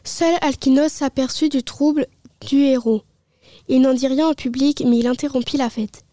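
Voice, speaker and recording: A woman reading a story aloud in steady, clear narration. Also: high voice, normal speed, no room sound, studio quality. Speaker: reader.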